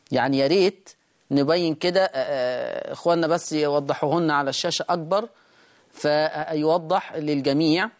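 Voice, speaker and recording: A man with an Egyptian accent hosting a Quran lesson, patiently explaining the readings and repeating words to demonstrate them. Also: on the high side. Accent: Egyptian Arabic. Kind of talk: explanatory teaching.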